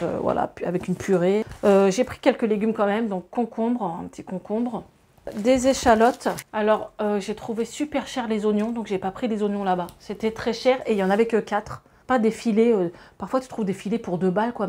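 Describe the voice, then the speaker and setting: A woman in her thirties from France, chatting casually to camera about her groceries, lively with many fillers and asides to viewers. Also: medium pitch. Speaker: grocery haul vlogger and mother.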